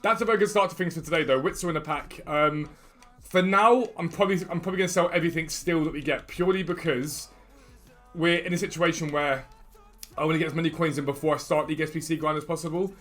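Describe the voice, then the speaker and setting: A man presents a gaming video in a casual, informal way, speaking directly to his viewers. His pace is very quick and his pitch sits a little high. His R's come out as W's. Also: a bit bright, faint music behind. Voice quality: cannot pronounce R's properly, says w for r. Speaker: gaming YouTuber and host.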